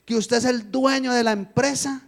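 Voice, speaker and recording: A pastor acting out a furious shouting son. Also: male voice, very high-pitched, fairly even intonation, normal speed, gravelly, pitched above the performer's own voice. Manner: shouting, accusing. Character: angry grown son shouting down the phone.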